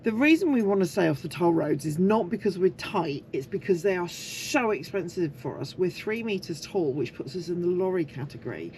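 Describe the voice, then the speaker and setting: A woman's voice: lowish voice, animated, brisk, few pauses, darkish tone, slight background noise. A woman chatting casually in a travel vlog from a motorhome, making dry, wry asides. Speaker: vlogger, co-host. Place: motorhome on the road.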